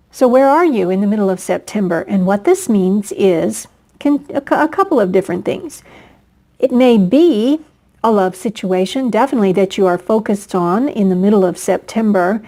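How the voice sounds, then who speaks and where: A woman giving a solo oracle card reading, earnest and encouraging, pausing often on fillers and slowing into invocations to the angels. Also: fairly high pitch, darkish tone, poor audio. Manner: slow invocations addressed to angels.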